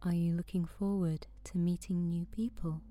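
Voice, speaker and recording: A woman guiding a sleep meditation in a soft, soothing voice that often drops to a whisper. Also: on the low side, fairly even intonation, normal speed, no echo, soft background music. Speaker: meditation guide.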